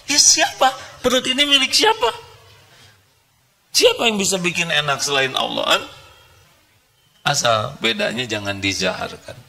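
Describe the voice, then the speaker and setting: A man's voice: high-pitched, normal speed, gravelly, pauses often. A man, preaching a folksy, humorous sermon into a handheld microphone. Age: 60s. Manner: folksy, humorous, moving between soft pleading and animated emphasis. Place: stage before a large indoor congregation.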